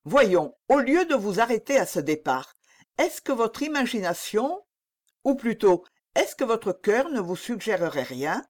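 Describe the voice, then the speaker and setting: A woman's voice: a little high, big pitch swings, measured pace, pitched above the performer's own voice. A woman reading the part of a young king, lovesick and pleading, in an impassioned, exclaiming manner for an audiobook.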